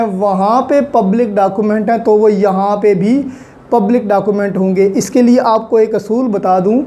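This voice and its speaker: A woman with a Pakistani accent teaches law in an online lecture, explaining step by step and posing questions she then answers, mixing in many English terms. Her voice is on the high side and mellow.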